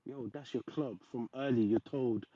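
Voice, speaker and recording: A man's voice: medium pitch, warm tone, dry recording. A man patiently explaining his point of view in a casual football debate. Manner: measured, explaining. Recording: muffled online voice chat.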